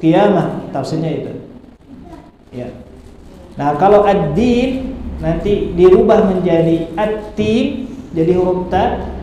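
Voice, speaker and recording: Male recitation teacher, high mellow voice, slow chanted demonstrations, distant mic in a reverberant hall. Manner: models recitation in slow drawn-out chanting, then explains. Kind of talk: teaching tajwid pronunciation. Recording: echoey hall, mic far off, faint hiss.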